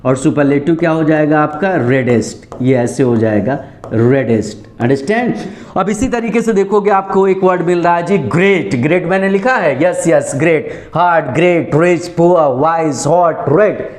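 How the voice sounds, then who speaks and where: A man teaching English grammar, asking questions and answering them, slowing down low on each example word. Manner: repeats questions and answers, slows and drops low on example words. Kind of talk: classroom grammar lesson. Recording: echoey room.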